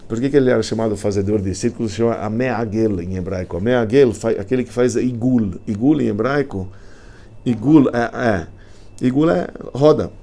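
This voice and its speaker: A man, a rabbi telling a Talmud story in a casual, colloquial lesson. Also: mid-range voice. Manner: animated, colloquial, with slang and restarts. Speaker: rabbi teaching a class.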